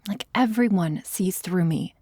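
A woman playing an obsessive, possessive young woman who holds a man captive, talking in a soft, menacing, profane whisper for an audio roleplay. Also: fairly low pitch, a little slow, no room sound, studio quality. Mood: tender, obsessive. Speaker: voice actor.

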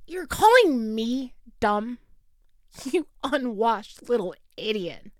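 A snarky school bully girl, acted by a woman in an audio role-play. Her voice runs fairly high and swoops widely as she drawls out sarcastic taunts. The delivery is slow and theatrical, hot-tempered with a grudging soft side. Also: big pitch swings, dry recording. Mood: mocking, menacing.

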